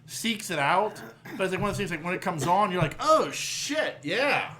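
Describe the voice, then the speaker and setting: A podcast host in his forties from the Pittsburgh area chats casually, rambling with plenty of fillers, restarts and swearing. His voice sits high and sounds very animated, bright and forceful at a moderate pace.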